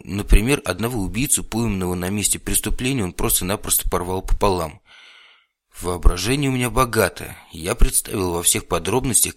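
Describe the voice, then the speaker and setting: A man reading a first-person audiobook in a steady, even storytelling voice. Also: deep voice, no echo, clean studio sound. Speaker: audiobook narrator.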